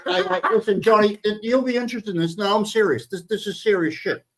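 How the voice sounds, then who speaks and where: A man holds forth in a casual streamed chat, voice sitting high for a man. He talks bluntly, swears freely, and trips over restarts as he makes his point. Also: fast, a bit bright. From New Zealand. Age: 60s. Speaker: show co-host.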